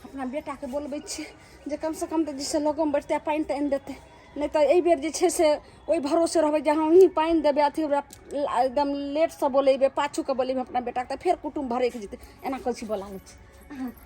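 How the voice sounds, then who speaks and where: A woman's voice: sits high, fairly even intonation, fairly quick, mellow, faint music behind, close to an everyday voice. A woman acting a fussing, hospitable village mother in a comedy skit, chattering and scolding with a Maithili accent.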